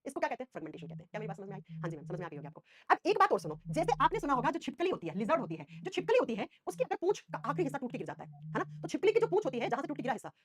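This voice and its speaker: A young woman teaching a science class online, animated, repeating key terms and fondly calling students "beta". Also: high voice, very fast, hardly any pauses, husky.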